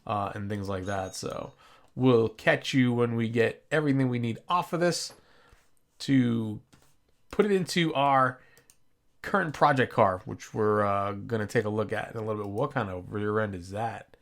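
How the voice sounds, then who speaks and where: A man's voice: on the low side, normal speed. A man hosting his gaming channel, casually talking through a car-building game and correcting himself as he goes. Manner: rambling, self-correcting.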